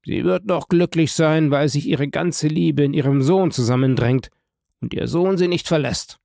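Frantic male prosecutor for an audiobook, read by a man: gravelly and urgent, dry close sound. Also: a little high, normal speed, dark tone, no echo, pitched above the performer's own voice. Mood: solemn. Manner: anxious, calling out urgently. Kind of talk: audiobook reading.

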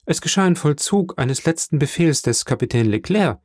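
A man reading the part of a young, dutiful ship's first mate in an audiobook, brisk and polite. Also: fairly high pitch, animated, darkish tone, dry recording, clean studio sound, voice pushed up.

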